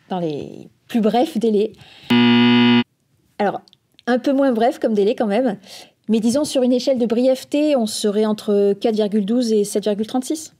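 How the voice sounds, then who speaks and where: Woman acting a high-voiced customer service phone agent. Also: warm tone, close to an everyday voice. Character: bumbling, slightly flippant call-centre customer service agent. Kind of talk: comic corporate training sketch. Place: small office set, indoors. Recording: background music.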